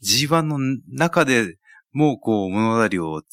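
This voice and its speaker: A man chatting casually about pro wrestling as a commentator, relaxed and joking. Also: mid-range voice, unhurried, no echo, clean studio sound. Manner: relaxed, chatty, drops asides and jokes.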